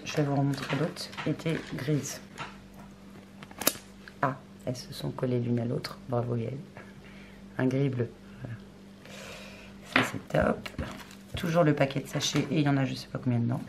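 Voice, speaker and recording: A woman hosting a crafts unboxing video, chatting casually and thinking aloud, often murmuring softly. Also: very deep voice, normal speed, pauses often. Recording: clear background noise.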